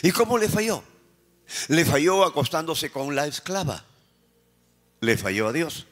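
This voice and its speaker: Preaching with an animated, rather high voice, a man from Peru throws questions at his congregation and supplies the answers. His Peruvian Spanish shifts from raised, forceful lines to soft, slowed-down phrases.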